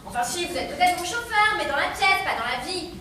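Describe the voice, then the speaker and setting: A woman's voice: high voice, lively intonation, normal speed. A woman playing a grand, world-weary lady of the house with formal, dryly ironic, theatrical manners in a stage comedy. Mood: exasperated. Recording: distant, very echoey, noisy stage recording.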